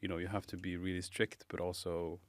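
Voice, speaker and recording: A man from Morocco, a pastry chef guest in a casual interview, speaking thoughtfully with many pauses and fillers. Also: sits low, flat delivery, no echo, studio quality.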